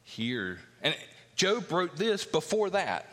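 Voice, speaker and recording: A man preaching in a church hall, his bright, forceful voice carrying a long reverb tail. He reads scripture passages and then unpacks them, climbing in pitch when he drives a point home. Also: very animated, takes it slowly. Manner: expository preaching, reads scripture aloud, rises in pitch for emphasis. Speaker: pastor. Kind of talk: sermon.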